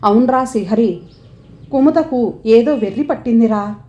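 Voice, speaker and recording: A woman voicing an exasperated, quick-tempered middle-aged mother who scolds her daughter loudly. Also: fairly high pitch, natural voice. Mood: weary. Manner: scolding, raised voice. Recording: dull roomy home recording.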